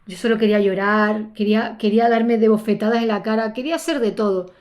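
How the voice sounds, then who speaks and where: Woman, Spain Spanish accent, spiritual coach; expressive motivational storyteller, mid-pitched, leans on repetition. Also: quick pace. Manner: expressive, repeats words for emphasis.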